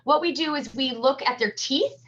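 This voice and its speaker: Talking to kids on a virtual field trip, an animal shelter educator keeps things simple and upbeat. Her voice sits high with a fairly bright tone, and she speaks at a normal speed. The sound, from a computer on a video call, is dull and lo-fi.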